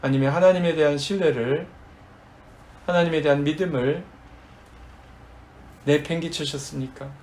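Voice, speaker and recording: A man's voice: a little high, fairly even intonation, moderate pace, pauses often, darkish tone, slight background noise. A man preaching a sermon as pastor, addressing the congregation and acting out dramatic quoted prayers.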